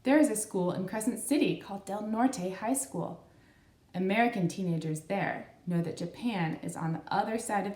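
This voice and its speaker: This woman's voice is fairly low with a darkish tone. In her thirties, she hosts a kids' storytime, reading aloud and guiding a step-by-step craft in a plain, encouraging way, captured in an echoey room.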